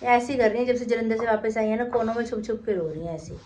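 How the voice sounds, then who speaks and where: Chatty woman vlogger, fairly high voice. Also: fast talker, a little mellow, a little hiss or hum. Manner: chatty, teasing, asks many questions. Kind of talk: casual daily vlog narration. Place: at home and out running errands.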